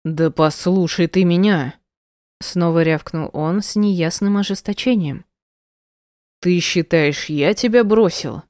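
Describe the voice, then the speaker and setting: Woman reading as stern man, gruff, insistent, slightly lowered voice, dry close sound, audiobook. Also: measured pace, a little mellow, dry recording, close to an everyday voice. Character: stern man, the narrator's former lover.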